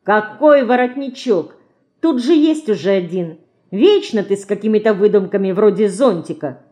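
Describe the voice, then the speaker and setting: A woman's voice: mid-range voice, animated, moderate pace, pitched above the performer's own voice, natural voice. A woman voicing a practical, decisive aunt who speaks firmly and sharply in an audiobook. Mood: scolding. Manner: firm, sharp-tongued.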